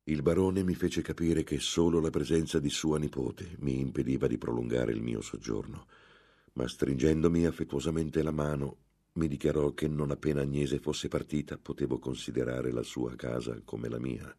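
A man narrating a literary tale in first person for an audiobook. His voice sits extremely low, with a gravelly fry and a husky texture. He tells the story in a measured, dramatic way. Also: steady tone, dark tone.

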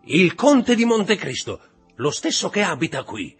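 A man's voice: medium pitch, huge pitch swings, normal speed, fairly bright tone, breathy edge, faint music behind, voice pushed up, heavily acted. A man voicing a cowardly male bandit who stammers, whines and pleads. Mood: eager.

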